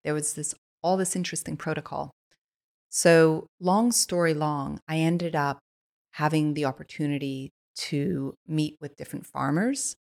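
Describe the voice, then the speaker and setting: A deep, creaky, somewhat dark-toned voice belongs to a Swiss woman guesting on a podcast. She keeps a steady tone and measured pace while telling stories casually and enthusiastically, full of "like" fillers.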